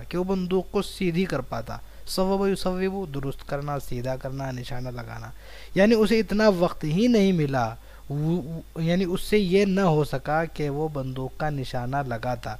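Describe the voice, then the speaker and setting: A man from India teaching an Arabic reading lesson in Urdu. He reads the Arabic words slowly and then glosses and repeats each one. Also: on the high side, a little mellow.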